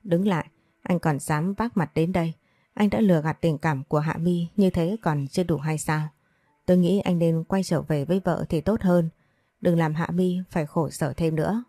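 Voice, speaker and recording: A woman narrating as a protective young male teacher from a storybook, blocking a rival with confrontational words. The voice is low and warm, recorded dry. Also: moderate pace, no room sound, soft background music. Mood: indignant.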